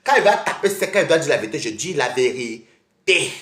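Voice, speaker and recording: A woman's voice: deep voice, sing-song, brisk, roomy sound. Woman ranting on a live stream. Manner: confrontational, scolding, laughs mockingly. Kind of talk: heated live-stream rant. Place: at home.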